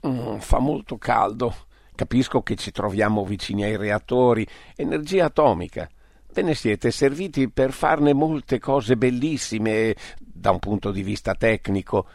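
A man voicing a large, calm, philosophical alien creature that speaks in a measured, courteous way. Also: medium pitch, vocal fry, no echo, clean studio sound. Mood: reflective.

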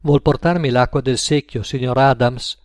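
A man voicing a gentle, overly polite camp cook who speaks softly and courteously, in a storybook reading. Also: medium pitch, steady tone, normal speed, no echo, clean studio sound, close to an everyday voice.

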